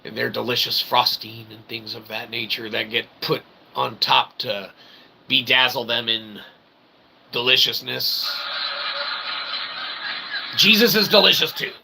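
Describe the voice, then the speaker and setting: Hosting a livestream, this man talks at a medium pitch, somewhat slowly and with frequent pauses. His philosophical monologue wanders, packed with convoluted, wordy phrasing and plenty of tag questions, over clear background noise.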